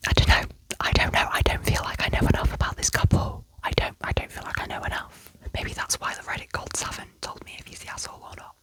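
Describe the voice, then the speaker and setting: A woman's voice: fast, poor audio. A woman in a whispered role-play as an ASMR judge, reading out posts with chatty asides and little self-corrections. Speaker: ASMR creator reading and judging online posts.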